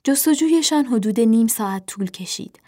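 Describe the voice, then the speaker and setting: A woman narrating a children's animal story in a soft, measured reading voice. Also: fairly high pitch, animated.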